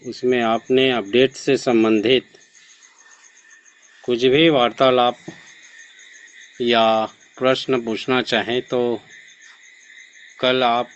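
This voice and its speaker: A man moderating an online session, making formal announcements in a slow, measured way with frequent hesitations, over a video call. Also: mid-range voice, steady tone, highs cut off.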